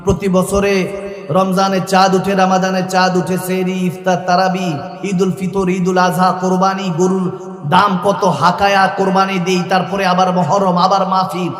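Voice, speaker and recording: A man delivering a rousing Bengali sermon to a crowd, building to shouts, asking the crowd questions and chanting verses in a low, slow tone. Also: little pitch movement. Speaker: preacher. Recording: echoey public address in a long-reverb hall.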